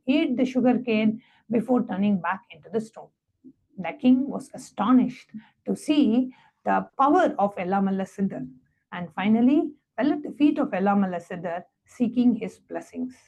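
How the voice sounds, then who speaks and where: This woman's somewhat high, mellow voice carries a devotional satsang: she first reads a story, then gives guided instructions step by step, staying measured and reverent throughout. The audio quality is poor.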